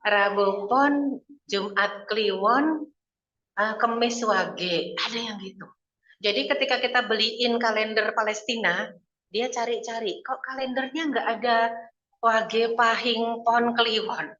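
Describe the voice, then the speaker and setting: A woman's voice: a little high, unhurried, pushed and bright. A woman religious teacher, giving a conversational lecture to women and telling stories while speaking directly to her listeners. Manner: chatty storytelling, addresses listeners directly. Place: mosque hall. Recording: echoey, dull hall recording.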